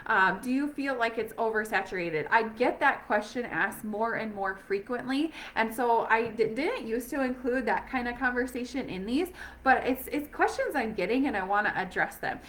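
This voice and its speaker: A woman's voice: on the high side, lively intonation, normal speed, a bit bright. A woman talking casually and upbeat from home as a sales rep, with many fillers and restarts. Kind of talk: casual recruiting chat.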